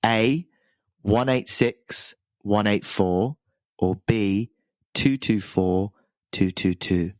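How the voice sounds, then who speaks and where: A man's voice: fairly low pitch, extremely slow, a little mellow, no room sound. A man hosting a casual podcast quiz, enthusiastic and teasing. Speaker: podcast host.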